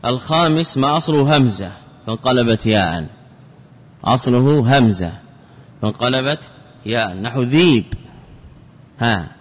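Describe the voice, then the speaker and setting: A man's voice: mid-range voice, animated. Male teacher, patient drilling delivery, lo-fi recording in a reverberant hall. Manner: repeats words slowly and drills each example. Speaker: teacher of Arabic grammar. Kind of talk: classroom lesson.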